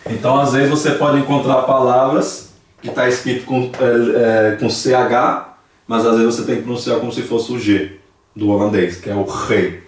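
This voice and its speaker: A man's voice: mid-range voice, fairly even intonation. Brazilian man teaching in an echoey hall. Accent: Brazilian Portuguese. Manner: patient, repeats words slowly for students. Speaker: Dutch language teacher. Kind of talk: classroom language lesson. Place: church hall classroom. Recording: echoey church hall from far off, faint noise.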